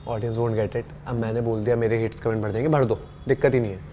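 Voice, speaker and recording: A young man in a casual interview, pressing his points hard and dropping English phrases into his sentences. His voice sits at an ordinary mid pitch. A faint hum of background noise runs behind him. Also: fairly even intonation, fast, dark tone. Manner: emphatic, argumentative, mixes in English phrases. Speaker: interview guest, reality show contestant.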